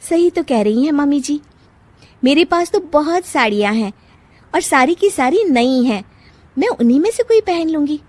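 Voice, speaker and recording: A woman voicing a sharp-tongued young wife who argues back in shrill, combative retorts, for a cartoon. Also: animated, normal speed, no echo. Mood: sweet.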